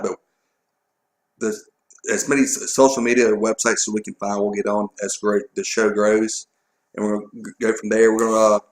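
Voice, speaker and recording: Low-voiced Southern sports co-host. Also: male voice. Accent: Southern American. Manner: plain, matter-of-fact, uses y'all. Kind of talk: casual sports chat. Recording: echoey room.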